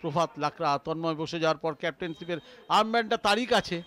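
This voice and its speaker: A man giving excitable live football commentary that builds to shouted calls. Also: a little high, rapid-fire. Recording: outdoor crowd noise behind the voice. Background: outdoor stadium crowd.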